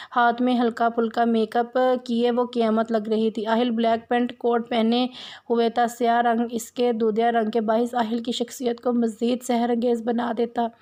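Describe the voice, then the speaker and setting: A woman reads a romance novel aloud in a plain, steady way, pausing now and then with small hesitations. Her voice sits somewhat high and stays flat, with little rise and fall. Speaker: novel reader, channel host.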